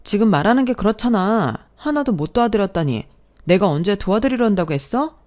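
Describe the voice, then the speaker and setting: A woman playing an indignant young bride-to-be who pushes back hard and protests every slight. Her voice is mellow and warm, set in an ordinary middle pitch. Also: animated, fairly quick, lightly acted.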